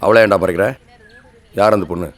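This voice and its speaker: An actor playing a middle-aged working father who worries over his son, scolds him, then softens. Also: sits low, fairly even intonation, brisk, natural voice. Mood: stern. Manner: emotional, scolding then gentle. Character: caring working father, middle-aged, protective, soft-hearted. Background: film score.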